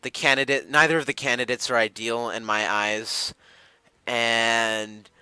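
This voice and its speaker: A man's voice: mid-range voice, flat delivery, a little slow, bright, forceful tone, clear, resonant tone, no room sound, low-quality recording. A young man giving casual gameplay commentary, rambling with many fillers and restarts. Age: young adult. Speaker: gamer.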